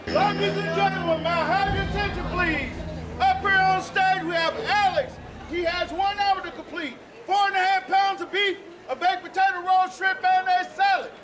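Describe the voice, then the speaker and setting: A man calling out an announcement over a loudspeaker in a busy restaurant, loud and drawn out. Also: very high-pitched, steady tone, normal speed. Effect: over a public address loudspeaker. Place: busy restaurant dining room. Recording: far off in a loud crowded hall. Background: loud crowd noise and music.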